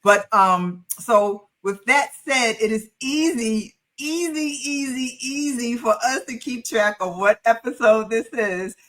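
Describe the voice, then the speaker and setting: Brief: woman co-host with a New York accent, playful and repetitive, crisp sharp tone. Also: on the high side, a little slow, few pauses. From Harlem, New York. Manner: playful, repeats phrases for effect. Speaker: podcast co-host. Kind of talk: casual podcast banter.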